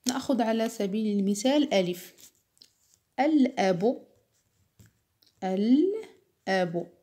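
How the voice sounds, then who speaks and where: Woman teacher, mid pitch, very slow and patient, repeating words for kids. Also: animated, a little mellow. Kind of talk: slow classroom explanation for children.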